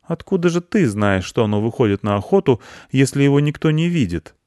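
A man's voice: mid-range voice, expressive, fairly quick, a little mellow, no echo, studio quality, pitched above the performer's own voice, lightly acted. A man voicing a mild, reasonable young schoolboy in a storybook. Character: shy, proud young schoolboy. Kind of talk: audiobook character voice.

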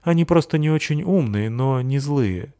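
A man voicing a gentle, thoughtful schoolboy who talks calmly and reasons things out. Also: mid-range voice, moderate pace, no echo, studio quality, pitched above the performer's own voice, close to an everyday voice. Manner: calm, reasoning.

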